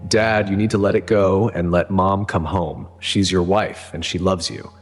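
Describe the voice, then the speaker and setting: A man's voice: deep voice, fairly even intonation, normal speed, slightly rough, big-room sound, soft background music. Dismissive grown daughter, as a man puts her on. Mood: condescending. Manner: condescending. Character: young adult daughter, dismissive and condescending.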